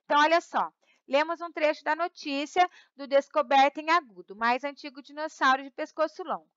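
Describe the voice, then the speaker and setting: A Brazilian Portuguese woman teaching a recorded lesson, her voice high and bright. She explains patiently, repeating words and checking that students follow. The sound is dry and a little dull, close to the mic. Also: brisk, dry recording. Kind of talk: recorded remote class lesson.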